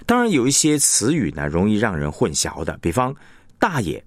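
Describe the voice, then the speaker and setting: Male radio tutor, low voice that leaps up on stressed words, dry booth sound. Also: huge pitch swings, brisk, no echo. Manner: demonstrates word stress with emphatic example words. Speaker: radio broadcasting instructor. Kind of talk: radio lesson on announcing technique.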